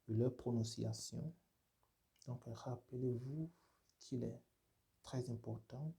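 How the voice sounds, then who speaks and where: A man teaching a language lesson, saying each sound slowly and asking listeners to repeat, with many hesitant fillers. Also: mid-range voice, dark tone. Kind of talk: slow spoken language lesson.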